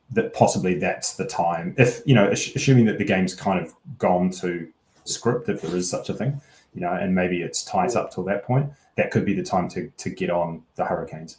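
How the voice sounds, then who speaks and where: A man with a deep, slightly mellow voice talks rugby betting as a casual pundit at a moderate pace. He hedges and hesitates, rambling around each point, in a room that echoes.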